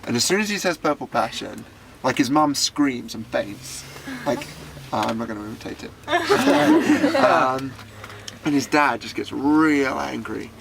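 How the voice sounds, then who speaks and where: A man's voice: mid-range voice, sing-song, unhurried, gravelly, a loud crowd, low-quality recording. A young British man telling a story casually, chatty and full of fillers.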